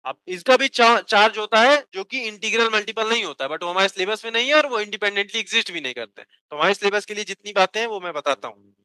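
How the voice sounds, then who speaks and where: A man gives a physics lecture in a high, crisp, resonant voice. He quizzes the class and answers his own questions, and at times dictates notes word by word. The sound is dry and close. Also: quick pace, bright, forceful tone, no echo, poor audio. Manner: asks students questions and answers them himself. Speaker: physics teacher.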